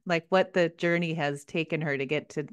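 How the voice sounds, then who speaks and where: A middle-aged woman hosts a podcast from her living room, speaking a little low into a big microphone. She gushes and rambles, piling up fillers and restarts as she talks on a video call. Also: steady tone, moderate pace, clear, resonant tone. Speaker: podcast host. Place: living room at home, indoors. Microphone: large podcast microphone on video call.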